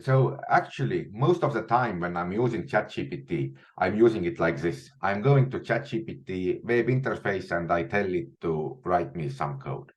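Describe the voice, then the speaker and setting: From a small room at home, an instructor with a very deep voice and an Estonian accent runs a live online coding lesson, thinking aloud and frequently restarting or repeating words. He's expressive and a little mellow, speaking at normal speed with hardly any pauses. The recording is muffled.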